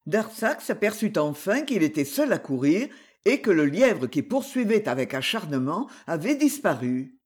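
An audiobook narrator reading a classic adventure novel with expressive storytelling. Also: mid-range voice, breathy edge.

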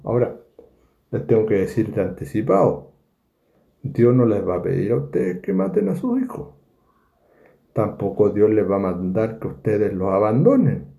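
A man's voice: mid-range voice, gravelly. A man teaching a verse-by-verse Bible study, speaking animatedly and acting out the scenes he describes. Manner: animated, acts out the scripture scenes. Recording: echoey, dull lo-fi room recording.

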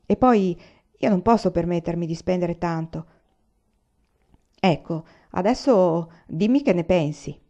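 Brief: a woman playing an eager young suitor, pressing and anxious, voice on the low side. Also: unhurried, warm tone, dull audio, natural voice. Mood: insistent. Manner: urgent, agitated pleading. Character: earnest young frontier man, a suitor.

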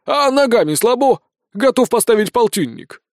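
A man voicing a fat, greedy young army private in an audiobook, loud, whiny and heckling. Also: very high voice, big pitch swings, moderate pace, dry recording, studio quality, pitched above the performer's own voice, exaggerated voice. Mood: indignant.

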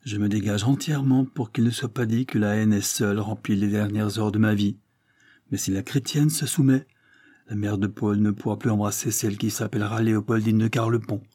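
A man's voice: lowish voice, fairly even intonation, fairly quick, mellow, no room sound, clean studio sound, natural voice. A man voicing a grieving, proud older noblewoman in a French novel read aloud, speaking with solemn dignity.

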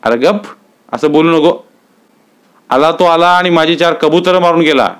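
A man's voice: on the high side, normal speed, fairly bright tone, clear, resonant tone, voice pushed up, natural voice. Agitated village man, heated and raised, put on by the narrator.

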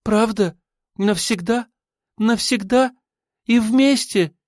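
A woman's voice: normal speed, gravelly, a little mellow, no room sound, studio quality. A man voicing Ada, a tearful young woman. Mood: overjoyed. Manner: pleading, high and breaking with sobs. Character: tearful young woman, desperate and devoted lover.

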